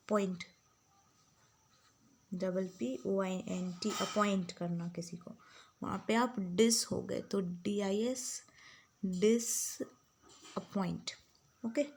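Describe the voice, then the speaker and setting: A woman tutor runs a spelling lesson at a slow, unhurried pace. She dictates each word clearly and then spells it out letter by letter. Her explanations switch between English and Hindi. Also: mid-range voice. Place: home room with some background sounds.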